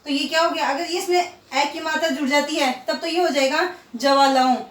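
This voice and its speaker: A woman schoolteacher walks young pupils through a lesson, patiently drilling words and answering her own questions. Her voice sits high. She sounds set back from the mic in a roomy, echoing space. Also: fairly even intonation, brisk, fairly bright tone, recorded from a distance. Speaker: primary school Hindi teacher. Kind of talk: recorded online class lesson.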